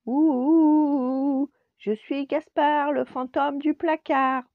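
Granny doing a tiny ghost kid hooting way up high, storybook ghost, dull lo-fi sound. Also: female voice, steady tone, slow, no room sound. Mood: wailing. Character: little boy ghost, sulky, then vengeful.

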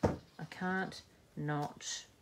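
Extremely slow, low-pitched, and fairly even in intonation, a woman's voice comes through with slight background noise. She's a craft video host in her forties, chatting, joking, and thinking aloud during a live crafting demo.

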